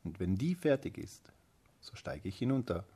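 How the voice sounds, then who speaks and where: A gentle young maiden from a fairy tale, speaking softly and earnestly, as a man reading the tale speaks her lines. The voice stays husky and fairly low. It is an unhurried storybook reading. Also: big pitch swings.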